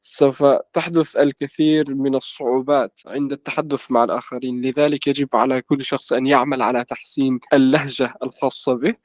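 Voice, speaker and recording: A young man from Egypt, a language student in an interview, explaining at a measured pace with lots of filler words. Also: medium pitch, steady tone, dry recording. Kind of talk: casual conversation in formal Arabic.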